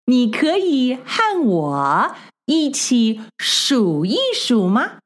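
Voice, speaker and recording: Sing-song kindergarten-teacher woman, very animated. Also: on the high side. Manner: kindergarten-teacher voice, sing-song, encouraging, repeating phrases slowly; enthusiastic, playful. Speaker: Mandarin teacher for young children. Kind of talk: children's language lesson, addressing the viewer.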